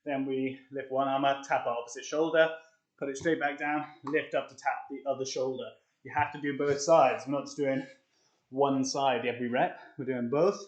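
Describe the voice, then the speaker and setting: A man's voice: mid-range voice, fairly even intonation, moderate pace. A young man with an upbeat, chatty manner, coaching a live-streamed workout tutorial and out of breath between sets of push-ups. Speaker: fitness coach. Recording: echoey room.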